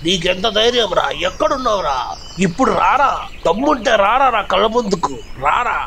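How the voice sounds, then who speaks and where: A man's voice: high voice, animated, a little fast, vocal fry, sharp tone, full character voice. A man voicing a boastful male zombie bully in a cartoon, taunting and daring his foe to fight. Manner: taunting, calls challenges. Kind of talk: cartoon voice acting.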